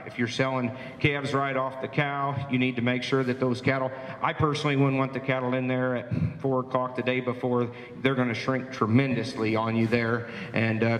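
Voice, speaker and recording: Folksy man speaking in an echoey hall. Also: medium pitch. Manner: plainspoken, folksy, frequent "uh" fillers. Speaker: livestock auction market speaker. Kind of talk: presentation to cattle producers. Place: meeting hall. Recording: roomy hall, long echo.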